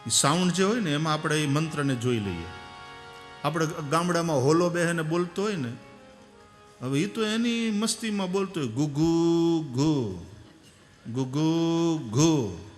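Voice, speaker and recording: A man's voice: a little high, expressive, normal speed. A man with a Saurashtra Gujarati accent giving a devotional discourse, telling stories, imitating sounds and breaking into song. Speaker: Bhagavata Katha preacher. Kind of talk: devotional discourse with sung bhajan. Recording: hall reverb with faint music.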